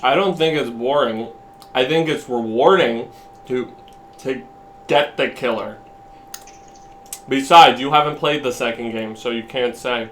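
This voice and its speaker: A man's voice: mid-range voice, a little slow, long pauses, fairly bright tone, slight background noise. A man streaming, arguing casually and emphatically with a friend and swearing freely.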